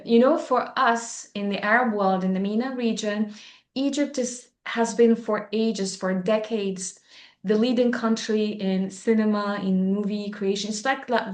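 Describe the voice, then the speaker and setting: A woman from Tunisia, a native Arabic speaker with a North African, Tunisian accent, telling a personal story in conversation. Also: mid-range voice. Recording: roomy, echoey sound.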